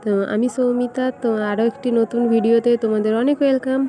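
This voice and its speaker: A young woman vlogger chatting casually and speaking softly at home so her sleeping son stays asleep. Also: fairly high pitch, steady tone, fast talker. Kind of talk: casual vlog chat. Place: at home indoors. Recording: home recording with music playing nearby. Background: fair music playing nearby.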